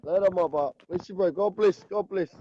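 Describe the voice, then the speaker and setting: A man with a broad New Zealand accent calls in as a guest, giving a casual, earnest motivational talk in a brotherly, slangy style, repeatedly tossing in "bro." His voice is high, brisk and dark-toned, on a muffled recording with slight background noise.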